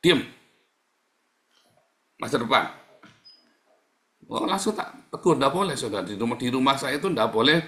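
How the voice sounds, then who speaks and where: This middle-aged pastor speaks fairly quickly with lively intonation and long pauses, his medium-pitched voice a bit bright. Preaching a repetitive, exhorting live-streamed sermon in an echoey room, he keeps calling listeners "saudara".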